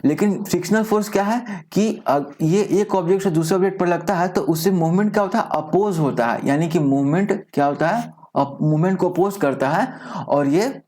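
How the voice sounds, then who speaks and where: A man teaching a school science class online, often asking rhetorical questions and mixing in English terms, reading definitions out slowly. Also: high voice, darkish tone. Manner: explains with frequent rhetorical questions. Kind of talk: recorded online class lecture.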